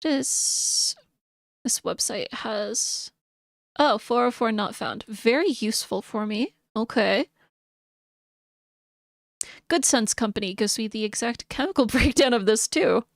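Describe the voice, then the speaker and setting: A woman's voice: fairly high pitch, slow, vocal fry, pauses often, no room sound, clean studio sound. A woman live streamer chatting casually and thinking aloud as she reads through notes, sometimes mumbling. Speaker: VTuber streamer.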